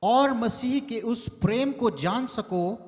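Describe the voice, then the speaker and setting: Man reading verses aloud on cue, very high voice, slow pace, echoing hall. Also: a little mellow. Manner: reads verse fragments on cue. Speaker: scripture reader. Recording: long reverb of a large hall.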